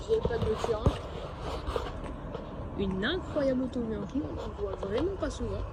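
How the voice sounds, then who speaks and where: A man giving excited commentary while spotting cars on a city street, gushing and stumbling over his words. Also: very high voice, moderate pace. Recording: dull lo-fi phone audio with loud street noise.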